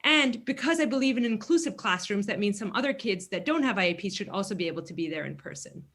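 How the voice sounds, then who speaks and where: A woman's voice: medium pitch, animated, quick pace, fairly bright tone. A woman in her thirties from Greece, a congressional candidate answering questions earnestly in a virtual forum, with frequent fillers. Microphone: video call.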